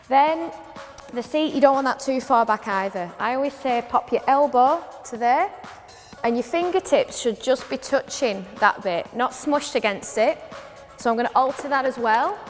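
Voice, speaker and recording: High voiced spin class lady explaining stuff step by step, echoey room, music on. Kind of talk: instructional bike demonstration. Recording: echoey hall with music behind.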